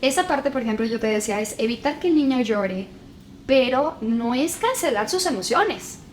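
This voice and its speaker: Woman guest expert, didactic, somewhat high pitch. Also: expressive, normal speed, a little hiss or hum, poor audio. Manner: didactic, acts out commands to children. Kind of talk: explanatory conversation.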